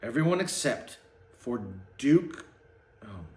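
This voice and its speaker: A host reads a children's book aloud as satire, making the telling mock-dramatic and slipping into sarcastic, casual muttered asides. His voice is medium-pitched, expressive, slow and a little mellow. The recording sounds roomy and echoing.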